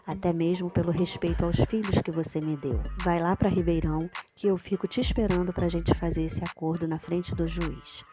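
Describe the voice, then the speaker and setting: A stern middle-aged cattle rancher, voiced plainly by a woman in a telenovela recap. The voice sits a little low, with little put-on change. Music plays clearly behind it. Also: fairly even intonation, normal speed, few pauses, natural voice. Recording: background music under the voice.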